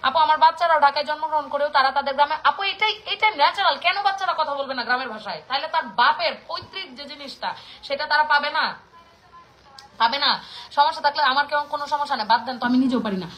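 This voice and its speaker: Speaking very fast and hardly pausing, this woman in her thirties rants casually at her audience, scolding them with passion. She's a vlogger with a Bangladeshi Mymensingh accent, and her high voice is a bit bright.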